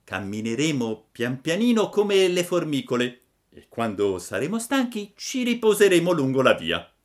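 A man voicing an eager young wooden puppet boy in a storybook reading, earnest and excited. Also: on the high side, moderate pace, pitched above the performer's own voice. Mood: tender.

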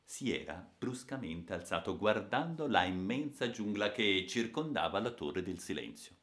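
A male narrator with a lowish voice and a bright, forceful edge reads an adventure novel aloud. His storytelling is expressive and steady, carrying tension through long descriptive passages. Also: normal speed. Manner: expressive storytelling, reads the captive's lines with alarm. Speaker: audiobook narrator. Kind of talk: scripted narration.

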